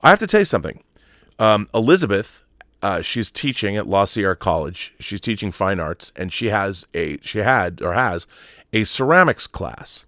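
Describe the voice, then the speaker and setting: His voice sits on the low side with big pitch swings, a slightly bright tone, and normal speed. He's an American livestream host who reads viewer comments in a casual, opinionated ramble, stressing points through repetition, in a clean studio recording with no room sound.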